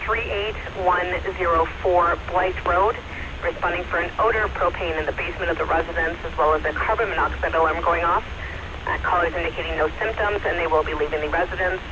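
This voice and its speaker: A man working as a fire dispatcher, reading out a radio page and slowly repeating the address and the time. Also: sits high, fairly even intonation. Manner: slow, deliberate repetition of addresses and times. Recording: noisy scanner radio transmission.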